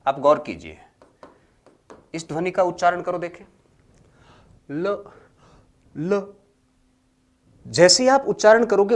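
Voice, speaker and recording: A man teaching a grammar lesson, slowly dictating notes and repeating each phrase for students to copy, then explaining more loudly. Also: high voice. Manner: swings between loud explaining and quiet dictating.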